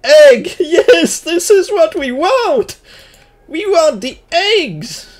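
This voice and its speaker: A woman's voice: very high voice, very animated, drawn-out words. A woman streamer giving live gameplay commentary, exasperated and talking back at the game.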